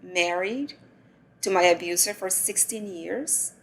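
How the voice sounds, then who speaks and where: A woman's voice: fairly low pitch, slow pace. Woman in her forties, roomy distant sound. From Honduras. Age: 40s. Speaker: abuse survivor interviewee. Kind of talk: testimony. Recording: roomy, from off-mic.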